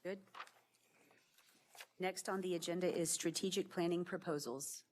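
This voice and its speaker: A woman chairing a city meeting as mayor, moving briskly through the agenda. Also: lowish voice, fairly even intonation, a little hiss or hum.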